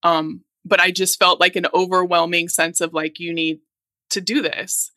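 Bright-voiced woman in her thirties. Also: fairly low pitch, flat delivery, normal speed, dry recording. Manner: earnest, thoughtful, with soft laughs. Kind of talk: casual chat.

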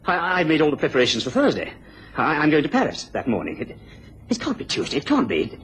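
An actor playing a cowardly, scheming gentleman with a bullying streak in a radio drama, agitated and given to stammering. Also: on the high side, huge pitch swings, fast, husky, exaggerated voice. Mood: panicked.

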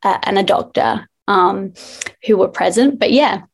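Gravelly-voiced woman, effusive. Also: mid-range voice, unhurried. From Australia. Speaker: singer-songwriter guest. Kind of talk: casual interview chat. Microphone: remote video call.

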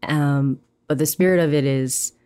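A poet from Hawaii, a woman, is the guest in a reflective interview. She comes across as thoughtful and animated, often pausing with "um" and "you know," and her voice is deep and smooth.

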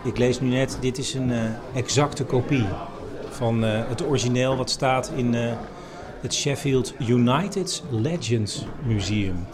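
A podcast host with a medium-pitched voice and measured pace reports casually on the spot, mostly outdoors at a small football ground. The recording picks up the football crowd, with music behind him.

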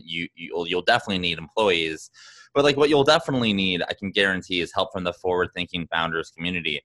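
Man, podcast host, low pitch, crisp bright tone, informal interviewing, repeats words. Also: no room sound. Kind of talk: casual interview.

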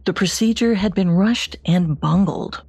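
Husky woman narrating true crime. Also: lowish voice, a little slow, darkish tone. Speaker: podcast co-host.

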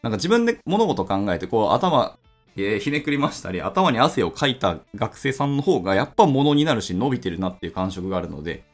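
Male solo podcast host, 30s, rapid, animated delivery full of fillers; faint music bed. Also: medium pitch. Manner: rambling, thinking aloud with many fillers. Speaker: podcast host, programming instructor. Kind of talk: casual solo podcast talk.

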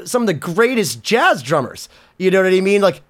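A man's voice: sits high, normal speed. A man co-hosting a podcast, telling stories and joking in casual banter. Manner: animated storyteller, joking. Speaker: podcast co-host.

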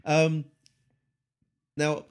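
A man hosting a casual podcast chat, halting with many ums and teasing his co-hosts. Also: on the high side, completely flat delivery, clear, resonant tone. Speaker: podcast host.

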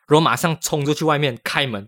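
A man telling a story in casual podcast chat. He is animated, often laughs, and drops English words into his talk. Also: a little high, fast, no room sound, clean studio sound. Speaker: podcast co-host.

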